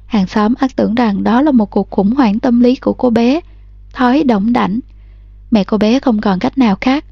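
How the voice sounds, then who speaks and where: A woman in scripted audiobook narration, telling the story in a steady, even way. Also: fairly high pitch, moderate pace, creaky, breathy edge, no echo, muffled recording.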